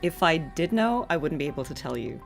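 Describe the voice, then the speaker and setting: Her voice is deep, creaky, expressive, and a little fast as she livestreams a game. This voice actress keeps things chatty and informal with viewers, chuckling readily. Game music plays faintly underneath.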